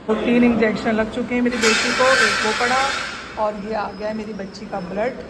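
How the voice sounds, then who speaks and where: A woman's voice: on the high side, fairly even intonation, moderate pace, heavy background noise. A woman talking to her sick pet in a casual vlog, with doting baby talk. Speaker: pet vlogger. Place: outdoors and at a vet clinic.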